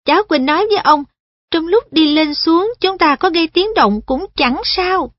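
A woman's voice: very high voice, moderate pace, dry recording, voice pushed up. A woman voicing an earnest, polite young girl who speaks eagerly in a storybook reading. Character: earnest young girl guiding an old man. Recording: dull lo-fi audio, dry.

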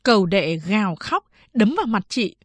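A woman narrating a novel as an audiobook in an even, measured storytelling manner. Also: medium pitch, no echo.

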